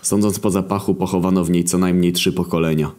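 A man narrates a story in a deadpan, crude voice. His tone is very deep and low. He reads from a script at an even, unhurried pace.

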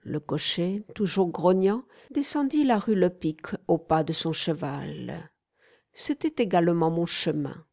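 A woman narrating an audiobook in a measured, clear reading voice. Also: on the low side, lively intonation, darkish tone.

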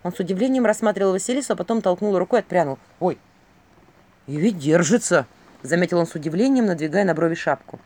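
A woman narrating a fairy-tale audiobook in an expressive, dramatic reading. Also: fairly low pitch, very fast, few pauses. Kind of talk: scripted narration.

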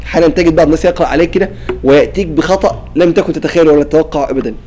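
A man leads a recitation class, his voice mellow and fairly high. He explains each rule patiently, sounds out the words to demonstrate them, and keeps checking that the students follow. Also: racing, a little hiss or hum, rough recording. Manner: explains and asks "clear?" often, demonstrates pronunciations. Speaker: Quran recitation teacher. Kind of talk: classroom lesson on tajweed.

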